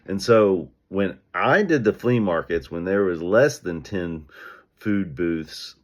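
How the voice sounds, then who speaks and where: Deep-voiced man giving pep talk. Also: slow pace. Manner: energetic, conversational storyteller. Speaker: business owner sharing advice. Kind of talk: casual motivational talk.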